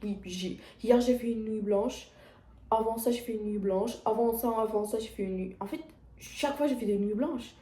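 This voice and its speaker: A woman's voice: fairly high pitch, moderate pace, dark tone, echoey room. A teenage girl with a French accent, talking casually to her viewers in a rambling confessional vlog at home, full of restarts and fillers. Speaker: vlogger. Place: at home, indoors.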